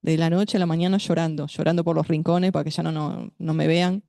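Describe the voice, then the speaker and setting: A woman's voice: sits low, little pitch movement, vocal fry, dark tone, dry recording, clean studio sound. A woman preaching at a women's meeting, speaking to her listeners directly and asking them questions. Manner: measured, addresses listeners directly as sister with questions. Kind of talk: sermon.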